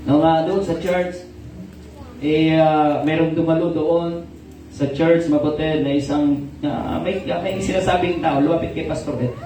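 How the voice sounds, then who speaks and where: A male pastor with a Filipino accent preaching, mixing Tagalog and English, calling out "Amen?" and swinging between shouts and soft speech. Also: fairly high pitch. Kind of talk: sermon. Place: church hall. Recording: very echoey hall, mic at distance, faint noise.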